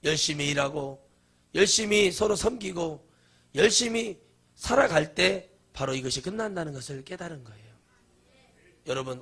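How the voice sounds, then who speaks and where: Gravelly, high-voiced male pastor preaching. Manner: swings from hushed asides to loud shouted declarations. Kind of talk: sermon.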